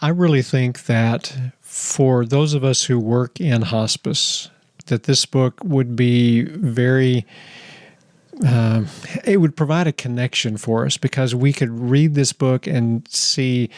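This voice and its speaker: A man's voice: mid-range voice, slow pace, dry recording. Man hosting, close dry sound. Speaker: podcast host. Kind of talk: conversational hosting.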